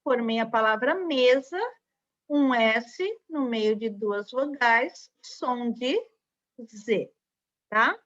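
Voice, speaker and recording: A woman's voice: on the high side, drawn-out words, a bit bright. A woman with a Brazilian Portuguese accent teaching a recorded online lesson to young children, patient and spelling out syllables. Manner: patient, spells out syllables, frequent tag questions. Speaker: primary school teacher. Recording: dull lo-fi recording.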